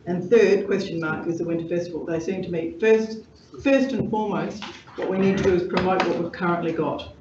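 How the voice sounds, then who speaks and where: A high-pitched man speaks haltingly in a committee meeting, full of ums as he works through his points. He is picked up from a distance in an echoey chamber. The sound is dull, with steady noise behind it. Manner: hesitant, halting, with many fillers. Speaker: deputy lord mayor at a council committee meeting. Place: council chamber.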